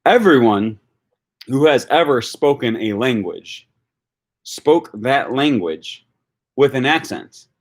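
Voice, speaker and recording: A Wisconsin man with a Wisconsin accent speaks slowly and expressively in a mid-range voice, leaving long pauses. As a language-learning YouTuber on a livestream, he casually answers live chat comments, thinking aloud and often restarting or using fillers.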